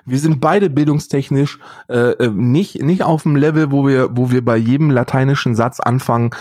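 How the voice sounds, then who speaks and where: A podcast co-host with a husky, slightly rough voice, recorded close up in a dry room. He lectures in a firm, emphatic way and keeps restarting his sentences, as in relaxed talk between friends. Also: mid-range voice, moderate pace, no echo. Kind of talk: casual podcast chat.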